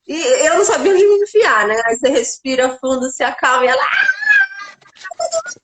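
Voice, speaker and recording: Woman, high voice, very lively pitch, animated storytelling, acts out dialogue, casual live chat. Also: fast, very noisy. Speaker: mother.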